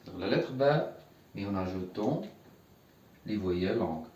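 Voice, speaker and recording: A man's voice: low voice, normal speed, a little mellow. A man teaching a lesson, patient and repeating words for learners to echo back. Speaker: Arabic teacher. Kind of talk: classroom lesson at a whiteboard. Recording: echoey room, voice from a distance.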